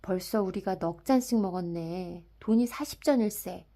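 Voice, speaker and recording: A mild, sensible drinking companion speaks in calm, plain tones, as read by a woman. The voice stays mellow and warm, close to her own reading voice. He sounds steady and level-headed in this storybook scene. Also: medium pitch, normal speed, lightly acted. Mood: mild concern. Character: cautious middle-aged male drinking friend, mild and sensible. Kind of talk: dramatic audiobook reading.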